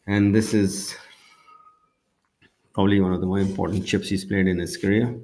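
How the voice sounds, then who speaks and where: A man with a low voice works as a golf commentator on a live tournament. His delivery is plain and conversational, like informal talk between colleagues in the booth. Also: little pitch movement, normal speed, warm tone.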